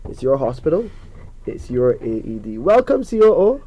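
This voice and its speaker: A man's voice: medium pitch, big pitch swings, normal speed, mellow, rough recording. A man hosting a hospital radio talk show, greeting listeners and introducing guests in an upbeat way.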